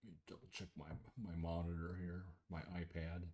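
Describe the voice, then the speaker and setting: A man's voice: deep voice, completely flat delivery, brisk, darkish tone. A man streaming a game over a headset mic, chatting casually and thinking aloud as he plays. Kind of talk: casual livestream chat while playing. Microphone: livestream headset mic.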